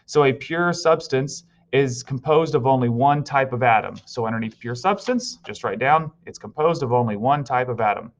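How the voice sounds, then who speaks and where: In a recorded virtual science lesson, a male teacher explains things step by step and tells students what to write down. He has a mid-range voice and moderate pace with hardly any pauses, and the audio is slightly dull and lo-fi.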